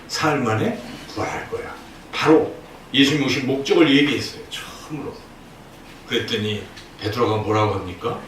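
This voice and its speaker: Male pastor, higher voice, emphatic sermon delivery, distant mic in a very echoey church hall. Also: a little hiss or hum. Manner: emphatic preaching, swinging between loud and soft. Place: church sanctuary.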